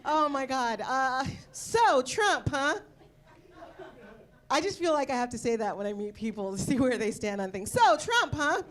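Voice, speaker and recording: Wry high-voiced woman doing stand-up. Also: normal speed. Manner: wry, punchy delivery with laughs. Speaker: stand-up comedian. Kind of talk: stand-up comedy set. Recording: played clip of a stage show.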